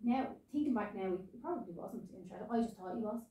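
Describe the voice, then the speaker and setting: Irish woman chatting away on a podcast, soft mellow highish voice, really echoey room. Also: fast. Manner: chatty, animated storytelling with quoted asides. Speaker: podcast co-host. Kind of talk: casual unscripted chat. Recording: echoey room, distant mic.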